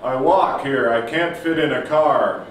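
A man's voice: mid-range voice, unhurried, lightly acted. A young man playing a meek, oversized giant in a comedy sketch, pleading earnestly and respectfully. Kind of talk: amateur comedy sketch acting. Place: large indoor studio room with block walls. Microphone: distant camera microphone. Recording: very echoey, distant, noisy room sound.

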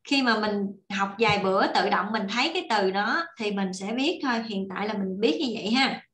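A woman's voice: mid-range voice, brisk, a bit bright, reverberant. A woman teaching an online Korean class, explaining patiently and repeating examples as she writes. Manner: patient, repeats and demonstrates while writing.

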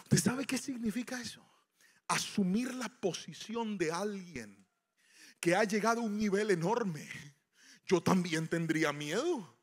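A Colombian pastor preaching to his congregation, with loud swells and sudden quiet asides. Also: high voice, measured pace, slightly rough. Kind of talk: sermon. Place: church hall before a congregation.

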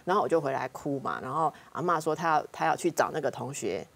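A woman with a Taiwanese Mandarin accent talks quickly in a slightly low, husky voice. She is a counselor on a talk show, telling casual stories about her family. She acts out her relatives' lines as she goes. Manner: lively anecdotes, acting out family members' words.

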